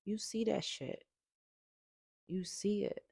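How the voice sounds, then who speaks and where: Slow, gravelly woman venting in a vlog. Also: medium pitch, fairly even intonation, warm tone, dry recording, clean studio sound. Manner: emphatic, swears freely, builds to heated repetition. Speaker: vlogger. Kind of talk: personal motivational vlog.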